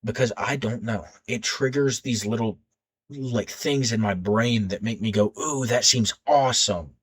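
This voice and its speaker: A late-teens young man with a low, deep voice, talking straight to his channel in a loose, unscripted vlog. He rambles, backtracks and stutters on his words as he restarts his sentences. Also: a little slow. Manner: stutters when nervous, rambling with many restarts. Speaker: YouTube creator. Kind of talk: unscripted casual vlog talk.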